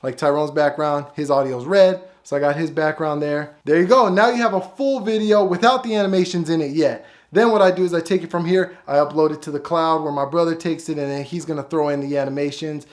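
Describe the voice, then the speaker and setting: A man's voice: a little high, steady tone, fairly quick, few pauses. A man casually explaining how he films and edits his videos, thinking aloud as he goes, recorded on a phone. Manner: casual, offhand talk, thinking aloud while filming. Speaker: YouTuber making animated shorts. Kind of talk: casual behind-the-scenes explanation.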